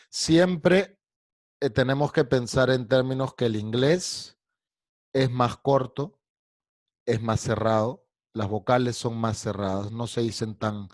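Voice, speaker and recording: A man teaching an online English pronunciation class over a video call, patiently repeating words and stretching them out slowly with exaggerated sounds. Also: mid-range voice, a little mellow, no echo.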